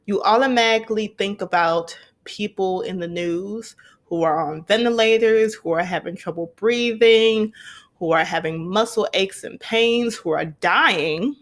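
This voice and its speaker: A young woman hosts a podcast, telling a personal story earnestly and conversationally. Her voice sits at medium pitch, her pace unhurried, and she repeats points to stress them.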